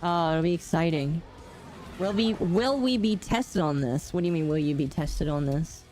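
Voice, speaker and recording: A woman's voice: low-pitched, normal speed, a little mellow, soft background music. Woman talking through a voice changer. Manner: chatty, rambling, self-correcting. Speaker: game streamer. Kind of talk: casual live-stream chat.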